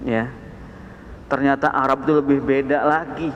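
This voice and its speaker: A man with a Sundanese accent teaching a dawn study session on the Quran, with animated rising emphasis on key words. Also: mid-range voice, normal speed, muffled recording, a little hiss or hum. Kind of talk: mosque study sermon. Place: mosque. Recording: echoey mosque hall.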